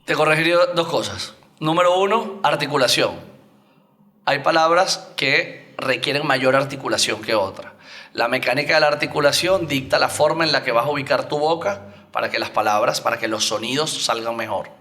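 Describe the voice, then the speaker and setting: Hombre invitado, instructor de oratoria, con una voz nítida y brillante. Su tono es de clase, y va dando ejemplos mientras explica. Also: male voice, mid-range voice, moderate pace, sharp tone. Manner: didactic, gives spoken examples. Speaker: oratory coach and guest. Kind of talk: explanatory interview talk.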